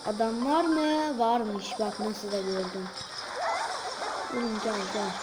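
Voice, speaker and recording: A woman's voice: on the high side, steady tone, slow, poor audio. A woman giving restless, frustrated play-by-play commentary while gaming, often exclaiming in exasperation. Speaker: gaming video creator. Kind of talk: live gameplay commentary. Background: game music.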